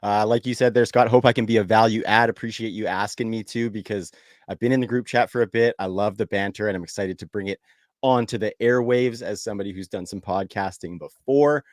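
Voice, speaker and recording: A man's voice: on the low side, steady tone, fairly quick, dry recording, clean studio sound. A young Canadian man in his late twenties or early thirties, hosting a casual sports podcast in an upbeat, chatty way and laughing easily. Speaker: podcast host.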